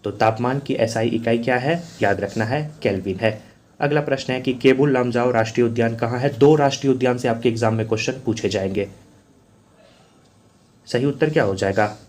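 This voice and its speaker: An exam coach, male, speaks briskly in a mid-range voice with a darkish tone. He runs through quiz questions and answers in a repetitive, drill-like lesson.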